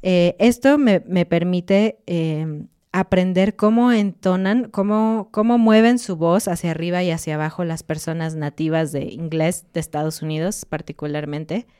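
A woman, co-hosting a casual Spanish-learning podcast and explaining things clearly with light jokes. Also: on the low side, normal speed, dark tone. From Mexico. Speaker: podcast co-host and Spanish teacher. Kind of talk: casual educational podcast chat.

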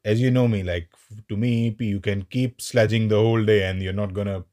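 Low-voiced man telling a rambling cricket story. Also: steady tone, fairly quick, warm tone. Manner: rambling storyteller with many "uh" fillers. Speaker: podcast co-host. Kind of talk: casual chat.

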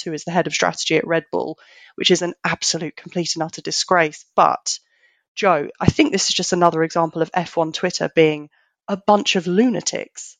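Gravelly, hoarse, lowish-voiced woman hosting. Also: dry recording. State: hoarse from being unwell. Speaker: podcast host. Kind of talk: podcast introduction and discussion.

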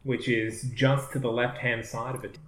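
A man narrating as game master of a tabletop game, halting and full of fillers. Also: mid-range voice, flat delivery, over music. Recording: echoey room with faint noise.

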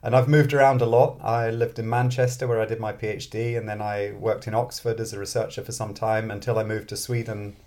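A British mathematics professor and author, raised in Scotland, thinks aloud self-deprecatingly as a casual interview guest. His voice is lowish and a little mellow, level in tone, and slightly fast with few pauses.

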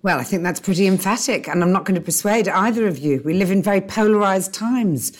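A woman co-hosting a TV podcast, brisk and emphatic in her views. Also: mid-range voice. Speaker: podcast co-host. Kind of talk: casual review chat.

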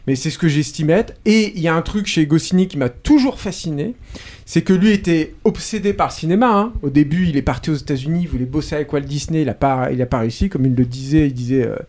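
A man's voice: a little high, fast talker, darkish tone. A man giving blunt, opinionated views in a casual chat about films and comics. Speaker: podcast co-host.

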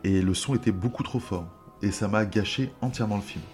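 A man hosting a podcast, chatting casually about films, relaxed and hesitant with many fillers. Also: on the low side, fairly quick, soft background music.

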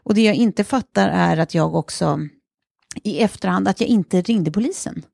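A woman co-hosting a casual chat, telling a story in an animated way and acting out the quotes. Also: mid-range voice, vocal fry, dry recording, clean studio sound.

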